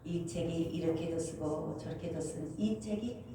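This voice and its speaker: A woman voicing Jesus in her testimony as a calm, gently teasing man with a low, slow manner. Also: a little hiss or hum. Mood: gentle. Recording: echoey hall from far off.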